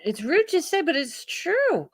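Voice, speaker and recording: A middle-aged woman hosting a casual group chat, telling everyday stories in an animated, frank way. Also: very high voice, a little slow, noisy background. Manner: chatty, animated storytelling with frank asides. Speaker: livestream host.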